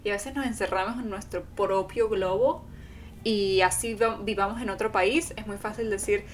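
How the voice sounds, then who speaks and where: A woman from Venezuela, mid-range in voice and normal in pace, co-hosts a casual podcast with her partner. She speaks earnestly and with animation, performing the lines people say, and slight background noise can be heard.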